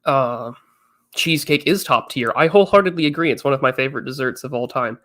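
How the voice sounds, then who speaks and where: On a laid-back livestream, a man in his 20s talks quickly in a mid-range, fairly bright voice. Still a little congested, he's chatty, reading out chat messages and replying to viewers.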